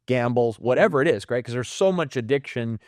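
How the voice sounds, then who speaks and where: A middle-aged man hosting a podcast, talking in a relaxed, conversational way and often checking in with right. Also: medium pitch, a little fast, no room sound, studio quality. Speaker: podcast host. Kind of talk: casual conversation.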